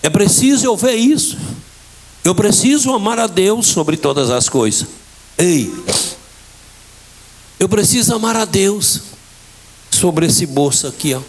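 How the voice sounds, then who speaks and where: A middle-aged pastor with a Bahian accent preaches in a church, his voice sitting notably high for a man. He tells his own story with fervour and plays out each exchange in it. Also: animated, measured pace, long pauses. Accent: Bahian Portuguese. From Bahia, Brazil. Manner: fervent storytelling, acting out dialogue. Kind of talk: impassioned sermon with testimony.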